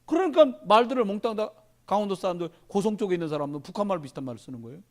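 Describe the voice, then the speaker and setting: Male pastor, middle-aged, high and very animated delivery, sermon in church. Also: racing. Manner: animated preaching, addresses congregation directly.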